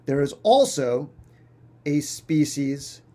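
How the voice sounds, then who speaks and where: A male teacher explains a science concept through a dramatic, playful story packed with sound effects, an animated storytelling lesson. His voice is a little high, animated, and warm, and he speaks slowly.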